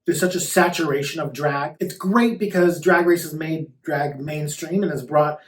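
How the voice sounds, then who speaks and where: A man's voice: a little high, moderate pace. A man talking casually in an interview as a sassy, campy drag queen. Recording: roomy echo, distant microphone.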